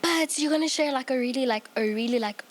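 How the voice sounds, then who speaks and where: A woman's voice: high-pitched, fast, a little hiss or hum. A woman in her twenties hosting a casual chat show, chatty and giggly with many restarts. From South Africa. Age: 20s. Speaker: podcast host.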